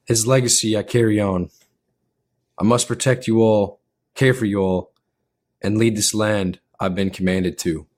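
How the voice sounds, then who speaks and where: A man's voice: lowish voice, fairly even intonation, measured pace, a little mellow. Stern commanding king, solemn and declaiming, read by a male narrator.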